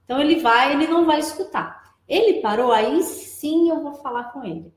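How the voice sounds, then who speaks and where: A woman's voice: high-pitched, expressive, brisk. A woman guest speaker in a live advice chat, explaining in a patient way and repeating her key phrases. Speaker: guest, preschool operations director. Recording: echoey room.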